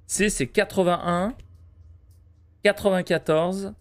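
A man's voice: high-pitched, fairly even intonation, takes it slowly. A man in his thirties doing casual live game commentary, muttering to himself and talking to his chat. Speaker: game streamer.

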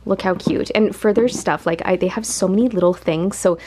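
A woman's voice: medium pitch, brisk, mellow. A woman in her thirties chatting casually to camera as she tidies her beauty room at home, thinking aloud and gushing over things she finds. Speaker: beauty vlogger. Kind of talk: casual chat while tidying. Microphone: camera mic, moving around room. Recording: noisy home room recording.

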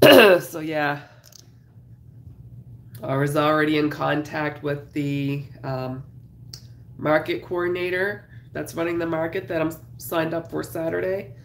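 A woman with a deep, raspy voice hosts a casual craft livestream from a small home craft room, greeting viewers as she crochets. She's congested with a sore throat, and she speaks slowly in a steady tone. The indoor recording sounds roomy.

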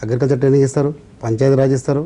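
A man's voice: mid-range voice, steady tone, very fast, dark tone. A man with a Telugu accent, a revenue officials' representative on a TV debate, explaining measuredly and citing laws and history.

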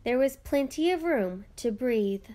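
A woman reads a children's book aloud in a fairly high voice. She takes her time over each phrase, telling the story slowly and expressively. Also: expressive, dark tone. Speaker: narrator.

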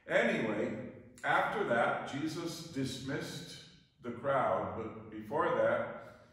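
A man giving a Sunday homily as a priest, in a conversational, folksy way with pauses. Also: fairly low pitch. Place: church. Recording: echoey church, voice from far off.

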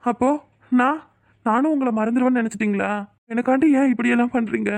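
A woman's voice: on the high side, quick pace, gravelly, a little mellow. A woman with a Kanyakumari Tamil accent voicing a caring, worried young man in a cartoon, pleading and reproachful.

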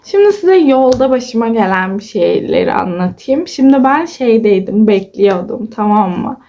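Chatty young woman with a mellow voice. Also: medium pitch, animated, moderate pace. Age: 20s. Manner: chatty storyteller, acts out quoted dialogue with giggles. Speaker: vlogger. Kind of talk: casual vlog chat to followers.

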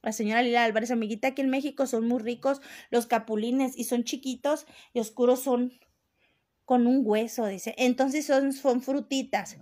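High-voiced Mexican woman chatting on a live stream. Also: fairly even intonation, normal speed, darkish tone. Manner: chatty, laughs often, teasing. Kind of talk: casual live chat reading viewer comments.

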